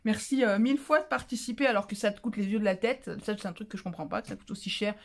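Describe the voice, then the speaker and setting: A woman's voice: medium pitch, fast talker. A tired woman hosting a casual craft chat, playful and self-mocking as she opens mail. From France. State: tired, voice going. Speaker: craft channel host.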